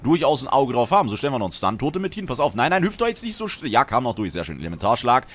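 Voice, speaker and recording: A young man talks over his gameplay at a desk mic. His pitch jumps around a lot as he reacts to the match. He throws in slang and sudden loud shouts. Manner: excited slangy banter, quick outbursts. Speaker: gaming channel host. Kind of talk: Let's Play commentary.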